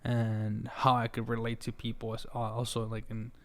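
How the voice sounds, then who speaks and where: A young man about twenty, from Juarez, Mexico, talks as a guest musician in a relaxed interview. His voice is smooth and clear, sitting at an ordinary middle pitch. He rambles, restarts often and laughs easily. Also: normal speed. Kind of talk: casual interview chat.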